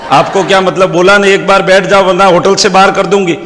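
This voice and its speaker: A man's voice: high voice, level tone, a little fast, fairly bright tone. A man doing a snappy young receptionist woman. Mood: annoyed scolding. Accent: Rajasthani. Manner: snappy, scolding. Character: irritated young female hotel receptionist. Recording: long hall reverb.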